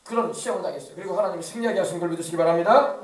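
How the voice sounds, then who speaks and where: Racing through a rousing sermon in a high voice, a male pastor with a regional Korean accent from around Yeosu leads call-and-response preaching. The church sanctuary sounds echoey, recorded from far off.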